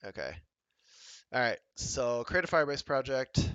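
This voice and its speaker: A man co-hosting a coding livestream in a casual, halting way with many ums, speaking into a headset mic. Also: mid-range voice, very animated, a bit bright, smooth, no echo, highs cut off. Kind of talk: casual live coding chat.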